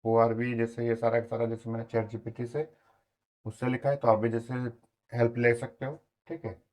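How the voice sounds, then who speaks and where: A hoarse man giving a casual screen-share web design tutorial, rambling with lots of fillers and frequent "okay?" check-ins. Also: medium pitch, little pitch movement, moderate pace, a little mellow, low-quality recording.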